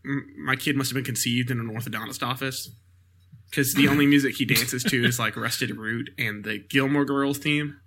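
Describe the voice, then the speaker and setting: A man in his thirties, co-hosting a podcast, trading deadpan jokes in casual chat. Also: mid-range voice, moderate pace. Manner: jokey, deadpan one-liners. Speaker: podcast co-host.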